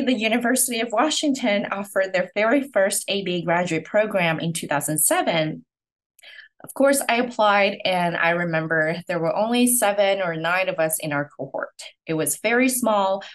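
A woman in her forties from Hong Kong, a podcast guest telling her career story with earnest, steady answers and frequent pauses. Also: medium pitch. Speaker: podcast guest, clinic owner. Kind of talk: conversational interview answers.

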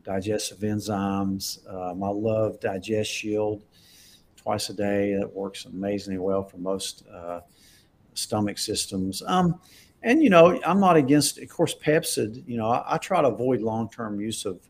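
A man's voice: lowish voice, unhurried, gravelly, a little hiss or hum. A man, a doctor, answering viewer questions in a live Q&A, talking conversationally and emphatically with frequent chuckles. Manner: conversational, emphatic, laughs often.

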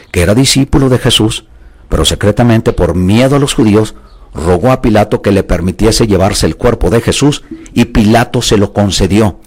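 A man's voice: lowish voice, a little mellow, slightly rough. A man preaching a sermon, reading Bible verses aloud and asking the listeners pointed questions with emphasis.

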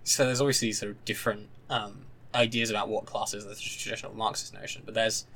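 A man with a modern southern English Received Pronunciation accent, talking through politics casually in an opinionated, halting way, repeating himself and often checking with "right?". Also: on the low side, fairly even intonation, creaky, pushed and bright. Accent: modern British Received Pronunciation, southern English. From southern England. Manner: opinionated, halting and repetitive, with frequent tag questions.

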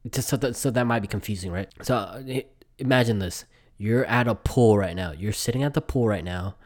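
A man's voice: lowish voice, brisk, a little mellow. A man in his twenties from Vietnam, a Vietnamese native speaker, hosting his own casual solo podcast and telling a long story with frequent restarts and self-corrections. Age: 20s. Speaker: podcast host.

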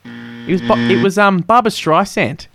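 A man's voice: a little high, expressive, moderate pace, gravelly, crowd noise. A young man hosting a casual podcast quiz, chatty and laughing often. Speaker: podcast host reading quiz questions. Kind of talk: casual chat.

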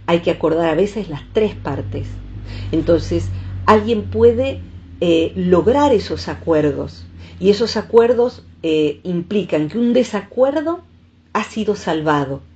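Woman psychologist, low and mellow, calling in over a muffled line. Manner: reflective, uses images and examples. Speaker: psychologist guest. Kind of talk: calm explanatory radio talk.

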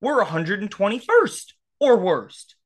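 A man co-hosting a casual sports podcast, getting fired up and swearing, his voice jumping high when riled. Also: sing-song, a little slow. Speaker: podcast co-host.

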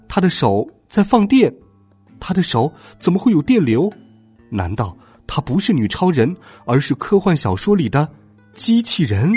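A man narrating a children's bedtime story in an expressive, dramatic way. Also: fairly high pitch, breathy edge.

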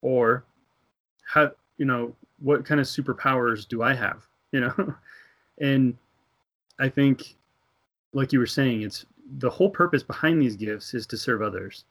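In a casual religious discussion, an American man in his thirties earnestly tells a personal faith story, laughing between thoughts and acting out the voices of the people involved. His voice is mid-range and fairly bright, and he speaks a little slowly with long pauses.

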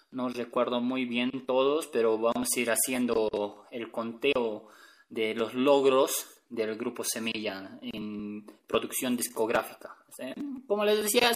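Male host, casual and chatty, halting delivery, mid-pitched voice, recorded a step away from the mic. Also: fairly bright tone, recorded from a distance, poor audio. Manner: chatty, hesitant, often adds a questioning "no?". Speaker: music channel host. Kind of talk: casual talk to viewers.

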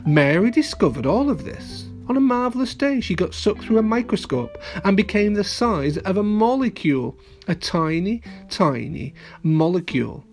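A kids show host reading an alphabet storybook aloud to children, expressive and playful, with asides to young listeners. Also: medium pitch, moderate pace, soft background music.

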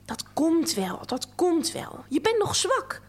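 A woman reading aloud, voicing a calm, stout midwife who talks in a dry, dismissive way. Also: extremely high pitch, takes it slowly, voice pushed up, heavily acted. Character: calm stout female midwife, unhurried and matter-of-fact. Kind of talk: story reading.

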